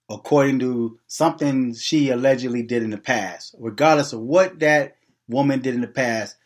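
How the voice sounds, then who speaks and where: A male commentary host speaks at a middling pitch. He sounds disapproving and admonishing, addressing the listener directly as he gives his verdict. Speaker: host commenting on interview clips. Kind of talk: spoken commentary.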